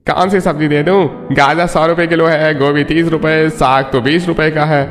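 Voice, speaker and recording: Man as a vegetable vendor, high-pitched, sing-song hawking, eager, cartoon, long reverb. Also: fairly even intonation, moderate pace, natural voice. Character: male street vegetable seller hawking his wares. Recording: long reverb, faint music.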